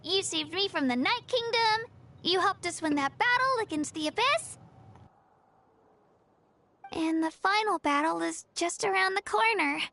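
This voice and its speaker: A woman's voice: very high-pitched, lively intonation, measured pace, gravelly, long pauses, bright, forceful tone, heavily acted. An actress voicing a cheerful, earnest young girl companion in a game, sweet and encouraging with a little shyness. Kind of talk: game character dialogue. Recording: game dialogue under background music.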